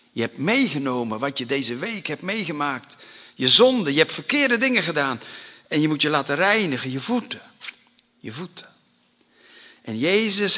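A man preaching a sermon with emphasis, acting out the voices he quotes and breaking into sudden loud bursts. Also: on the high side, slightly rough. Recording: long hall reverb.

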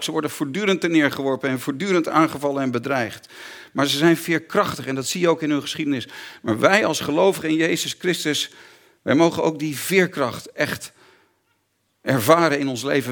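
Guy preaching, earnest, slightly high voice, keeps repeating lines. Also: animated, brisk, fairly bright tone. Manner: earnest, repeats phrases for emphasis. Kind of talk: sermon.

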